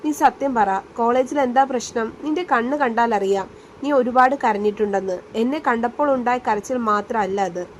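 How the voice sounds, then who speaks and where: A woman's voice: a little high, moderate pace, slight background noise, close to an everyday voice. A woman reading a storybook voice of a stern, protective young man who presses with demanding questions.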